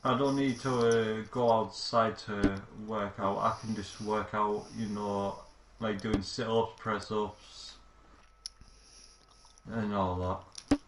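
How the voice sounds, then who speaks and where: A man's voice: fairly low pitch, steady tone, slow. A young man chatting and teasing his friend while playing a video game. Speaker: gamer. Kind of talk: casual chat over gameplay. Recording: roomy, noisy, game sound.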